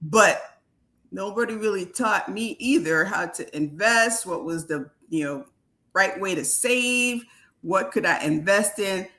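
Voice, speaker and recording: A woman's voice: medium pitch, lively intonation, measured pace, bright, forceful tone. A woman from Haiti hosting a live video chat as a wealth coach, talking in an upbeat, emphatic way.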